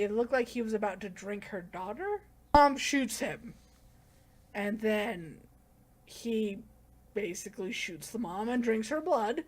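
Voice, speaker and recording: Woman, slightly high voice, loose chatty manga recap, rambling. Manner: rambling, full of "like" and self-corrections. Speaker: manga reviewer. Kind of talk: casual plot recap.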